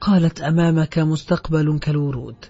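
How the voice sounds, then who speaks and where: A worn-out young woman who speaks weakly and with deep sorrow, as a male narrator reads her. The voice is husky and mellow, and it comes through a dull, lo-fi recording. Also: fairly even intonation, fairly quick. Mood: sorrowful. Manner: weak, sorrowful speech. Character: tired, beaten young woman, sad and weak. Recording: dull lo-fi audiobook track.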